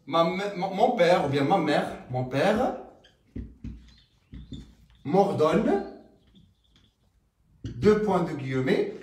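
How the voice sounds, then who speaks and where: A man teaching a French grammar lesson, explaining slowly and haltingly with many fillers and frequent checks like "d'accord?". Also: high-pitched, sing-song, a little mellow. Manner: slow, halting explanation with many fillers and rising question tags. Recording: roomy, from some distance.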